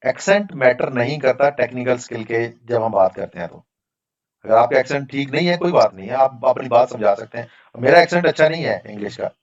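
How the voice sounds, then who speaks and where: A man of medium pitch, heard on a muffled recording, teaches an online class from Pakistan. On the video call he responds to students' questions openly and conversationally, explaining as he goes.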